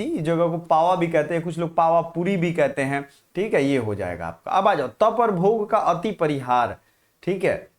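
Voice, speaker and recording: A man with a somewhat high voice leads a live online exam-prep lesson. He keeps quizzing the viewers, pushes them to answer fast and reads out what they write in the comments. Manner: questions viewers directly and checks comments. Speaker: teacher.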